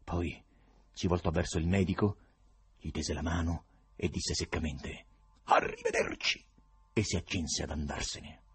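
A man narrating an audiobook in an expressive storytelling manner, with a husky voice. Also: sits low, normal speed, dry recording. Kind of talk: scripted narration.

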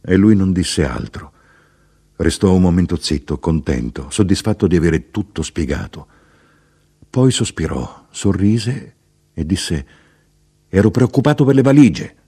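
A man reading a literary novel aloud in a measured, expressive way. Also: low-pitched, slightly rough. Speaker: audiobook narrator.

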